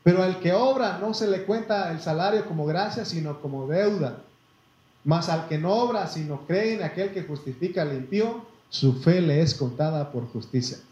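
His voice sits on the high side with a dark tone and a moderate pace as he preaches with a Mexican Spanish accent. He reads scripture, speaks folksily, addresses people as brother, and calls for amens, recorded in an echoey, slightly muffled room.

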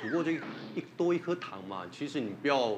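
A man's voice: on the high side, fast talker, music in the background. A man, a guest father on a parenting talk show, telling family stories in casual chat with frequent laughter. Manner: animated storytelling with laughs.

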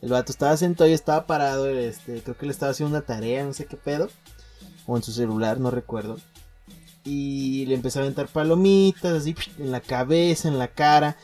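A young man with a Mexican accent casually telling a school story on a podcast, full of slang, swearing, jokes and halting restarts. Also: medium pitch, dark tone, soft background music. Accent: Mexican Spanish.

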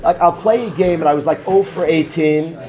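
This yeshiva rabbi talks fairly quickly in a fairly high voice, animated as he jokes with students in an informal Torah class and speaks to each of them by name.

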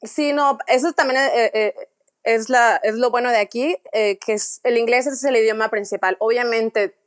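A young woman with a Mexican accent chats as a guest in an interview. Her voice sits a little high. She tells her story in an animated, rambling way and often restarts her sentences. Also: moderate pace. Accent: Mexican Spanish. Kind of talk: casual interview conversation.

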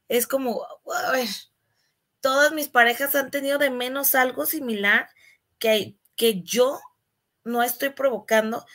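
A woman co-hosts a casual relationship podcast. Her voice sits slightly high, and she argues firmly, often acting out little quotations to illustrate a point. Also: a bit bright. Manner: firm, explains with quoted examples. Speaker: podcast co-host.

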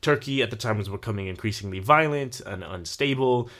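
A man's voice: on the low side, brisk, a bit bright. A young adult man co-hosting a podcast, chatting casually about a film and its history, laughing often. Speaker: podcast co-host.

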